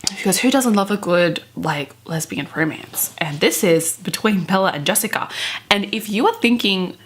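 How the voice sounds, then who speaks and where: A book vlogger in her twenties performs dramatic fan fiction readings in her bedroom, breaking off for chatty, gushing asides. Her mid-range voice is animated and slightly rough, moving at a moderate pace. She reads in a theatrical, giggly way.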